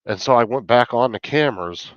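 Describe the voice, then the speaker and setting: A man's voice: medium pitch, lively intonation, fairly quick, fairly bright tone. A middle-aged man chatting casually on a live stream, blunt and heavily profane as he rants. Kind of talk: casual chat. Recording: muffled, echoey room sound.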